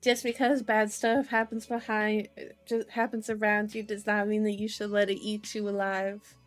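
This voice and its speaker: Faint music sits behind a woman who reads tarot and horoscopes on a casual livestream, chatting, musing and often elongating her words. Her medium-pitched voice stays level at a normal speed.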